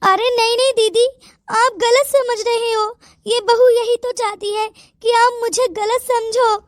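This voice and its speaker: A voice actor playing a hoarse, scheming older mother-in-law in a Hindi cartoon story, complaining and pleading. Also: very high-pitched, steady tone, takes it slowly, no room sound. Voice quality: hoarse from a dry throat.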